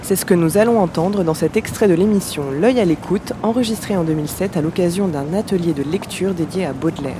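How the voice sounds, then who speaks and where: A man reading a scripted introduction to a radio archive excerpt in a composed, clear manner. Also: high-pitched, fairly quick, few pauses, noisy background. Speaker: radio presenter. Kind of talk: scripted narration.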